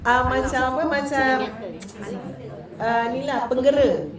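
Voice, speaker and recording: A woman religious teacher with a Malaysian Malay accent, giving a lively, conversational talk to women and often questioning her listeners. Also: high-pitched, unhurried, a loud crowd. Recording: echoey hall, distant mic.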